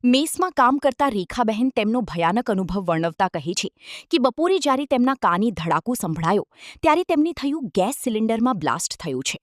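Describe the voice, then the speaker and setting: A woman reporter reading a scripted news voice-over in a measured, solemn delivery. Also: fairly high pitch, very animated, no echo, clean studio sound.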